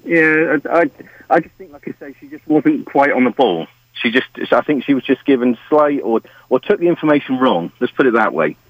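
A man's voice: mid-range voice, expressive, fairly quick, no room sound. A British man calling into a talk show on a crackly phone line that fades in and out, talking hesitantly and often saying "like I say". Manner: hesitant, restarts often, repeats "like I say". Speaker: caller. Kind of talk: phone-in chat. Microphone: phone handset. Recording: muffled dry phone call.

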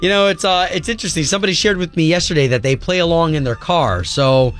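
Excitable high-pitched American male radio host. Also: fast, faint music behind. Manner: excitable, with whoops. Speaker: radio morning show host. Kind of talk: lively game show hosting and banter. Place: radio studio.

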